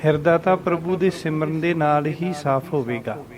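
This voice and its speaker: A man teaching a scripture pronunciation lesson, reciting verses slowly and deliberately and repeating corrections. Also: a little high. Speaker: Gurbani teacher.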